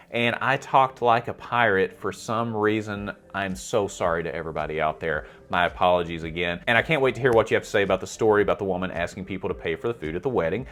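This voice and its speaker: A man's voice: fairly low pitch, a bit bright. A middle-aged man hosting a vlog in a chatty, self-deprecating way, often asking viewers for their opinions. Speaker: host. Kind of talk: casual vlog commentary.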